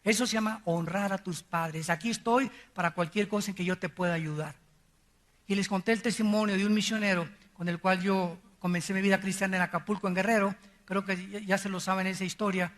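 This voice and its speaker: An older man preaching a sermon with a Mexican Spanish accent, telling stories and swinging from quiet asides to shouted peaks. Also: high-pitched, steady tone, brisk. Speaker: pastor.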